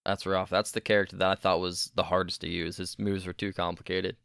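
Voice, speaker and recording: A man's voice: low-pitched, flat delivery, fairly quick, gravelly, fairly bright tone, smooth, no room sound, studio quality. A man co-hosting a casual gaming podcast, rambling and correcting himself as he talks, often laughing. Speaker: podcast co-host.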